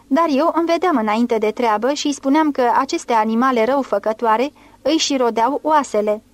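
A woman reading a classic novel aloud as an audiobook in an even, clear literary manner. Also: high-pitched, dry recording. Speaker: audiobook reader. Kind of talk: scripted audiobook narration.

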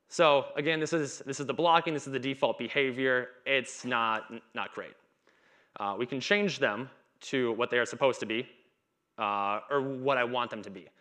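His mid-range voice is a bit bright as this man in his thirties gives a relaxed, chatty conference talk. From a dark stage in the conference hall, he stutters, repeats himself and runs into blocks.

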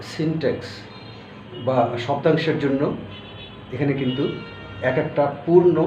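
A man's voice: medium pitch, darkish tone. A man teaching a language lesson, patiently repeating and spelling out syllables one at a time. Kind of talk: spoken grammar lecture. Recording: echoey, dull lo-fi room sound.

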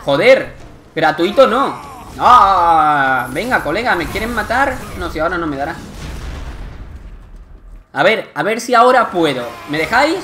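A young man from Spain with a Spanish accent, commenting live on his gameplay, excitable and swearing often in frustrated outbursts. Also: high-pitched, a little slow, pauses often, a little hiss or hum. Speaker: gaming youtuber.

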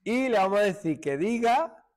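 A middle-aged man from Málaga with an Andalusian accent, teaching a joking classroom lesson and hushing his students. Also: sits high, animated, moderate pace. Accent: Andalusian Spanish. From Málaga, Spain. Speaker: secondary school teacher.

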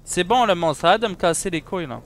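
A young man with a Quebec French accent, giving excitable commentary while playing a horror game and bantering with the monster. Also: high-pitched, quick pace, slight background noise. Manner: excitable, shouts and jokes at the monster. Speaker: let's play gamer.

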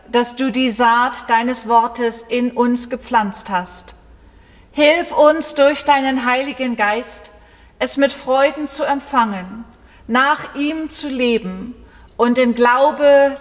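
A middle-aged woman pastor leading liturgical prayers and readings in a slow, measured delivery. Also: a little high. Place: small brick-walled chapel, indoors. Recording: long reverb in a chapel.

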